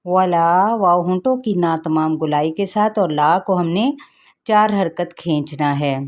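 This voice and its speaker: Slow, patient woman teaching recitation. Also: fairly low pitch, a little mellow. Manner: slow, patient explaining with rhetorical questions to students. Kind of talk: tajweed lesson explaining recitation rules.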